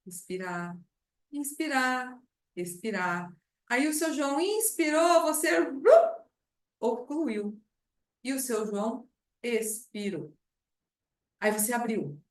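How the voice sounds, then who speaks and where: A Brazilian woman teaching speech therapists, lively, acting out how she talks to a patient at the bedside. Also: high voice, echoey room. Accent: Brazilian Portuguese. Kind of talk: clinical lesson with acted patient dialogue.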